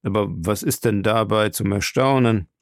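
A man reading Captain Nemo, gravelly and calm. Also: lowish voice, dry recording, studio quality. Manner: calm, measured and commanding. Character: stern, proud male submarine captain. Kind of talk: audiobook role reading.

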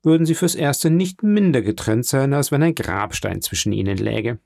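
A man's voice: mid-range voice, expressive, moderate pace, creaky, a little mellow, no room sound, clean studio sound, pitched above the performer's own voice. A man reading aloud and voicing a cunning, mocking schemer in a raised, sharper voice. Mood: persuasive.

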